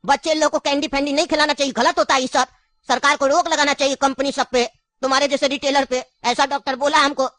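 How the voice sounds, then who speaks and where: Woman voicing insistent old cartoon grandfather, high bright voice, dry close sound. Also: flat delivery, fast, dry recording. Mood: mournful telling. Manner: insistent, coaxing, storytelling. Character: elderly grandfather, cunning, grieving his grandson. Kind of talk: cartoon voice acting.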